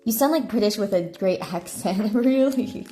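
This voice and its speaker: A woman with a mellow, self-described deeper voice talks at a normal speed during a casual livestream, eating snacks as she rambles. Faint music plays behind her, and the phone microphone picks up the echo of the indoor room she's in at night.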